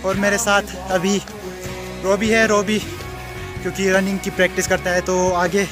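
Over background music, a young adult vlogger from Uttarakhand speaks to his audience in a chatty, direct way, his high voice showing little pitch movement at a normal pace. The casual travel footage is shot on a handheld phone at arm's length, both in a car and outdoors along hill roads.

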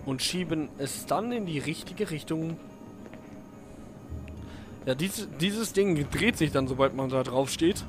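In this let's play, a man with a slightly high, lively voice jokes around and addresses the on-screen characters, speaking slowly with long pauses while game music plays underneath.

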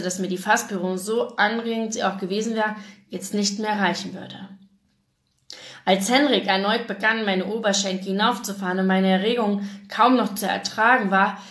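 Woman, German accent, mid-pitched, reads romance aloud with feeling; roomy echo. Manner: expressive first-person reading with acted dialogue. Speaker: reader of a novel. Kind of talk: live reading of a romance novel. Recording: echoey room.

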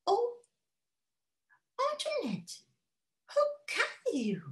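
A woman voicing a flustered English governess with a very high, fluttery voice. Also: huge pitch swings, extremely slow, a bit bright, reverberant, full character voice.

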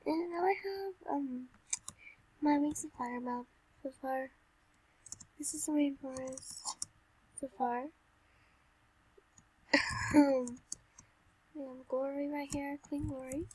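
A woman with a high voice talks slowly and softly, often dropping to a whisper and pausing with ums as she shows off a game build. Her tone stays casual and unhurried. A faint noise sits behind her. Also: poor audio. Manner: soft-spoken, often whispering, hesitant with fillers. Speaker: video creator.

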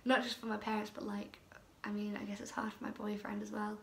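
Young woman talking softly with gravelly creak. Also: medium pitch, flat delivery, fairly quick. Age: young adult. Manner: soft, often whispering, emotional. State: tearful. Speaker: vlogger. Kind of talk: tearful story-time vlog. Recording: echoey room with faint noise.

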